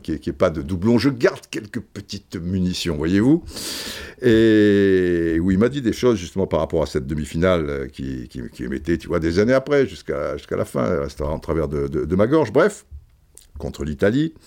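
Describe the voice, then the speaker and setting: A man's voice: lowish voice, a little mellow. An older man from Africa, a podcast host, telling an anecdote in a rambling way with many fillers and restarts. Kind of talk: storytelling anecdote.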